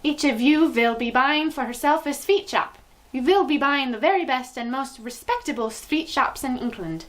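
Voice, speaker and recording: A woman's voice: high voice, moderate pace, voice pushed up, close to an everyday voice. Woman performing a screeching, tyrannical storybook witch leader. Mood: scheming. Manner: screeching, imperious, theatrical, oddly inverted grammar. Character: tyrannical, raging witch leader, shrill and menacing. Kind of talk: children's storybook character reading.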